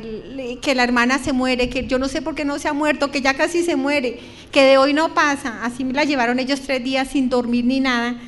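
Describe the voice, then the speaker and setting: A middle-aged woman giving an emotional religious testimony to an audience, slowing down and stretching her words as her voice breaks. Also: high-pitched.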